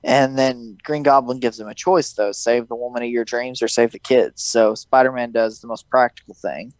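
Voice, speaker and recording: A man casually chatting about a movie, animated and jokey, acting out lines in high voices. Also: normal speed, no room sound, rough recording. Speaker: podcast host.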